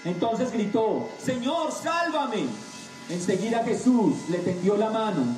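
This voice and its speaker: A man preaching a sermon, slow and emphatic with dramatic pauses. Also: high-pitched, warm tone, distant mic, faint music behind. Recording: echoey room, voice off-mic.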